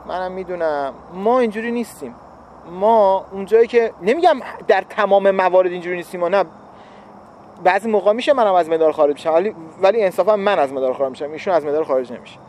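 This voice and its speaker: High-voiced man calmly explaining. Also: slight background noise. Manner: reflective, explanatory, repeats for emphasis. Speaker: husband explaining relationship advice. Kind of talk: casual talk to viewers.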